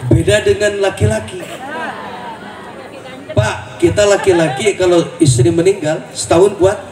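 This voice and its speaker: A man's voice: high voice, fairly even intonation, normal speed. Man, preacher, humorous sermon, questions to the crowd, distant mic, roomy hall. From Indonesia. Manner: jokey, teasing the congregation with questions. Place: mosque gathering with crowd. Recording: echoey hall, voice from far off, crowd noise.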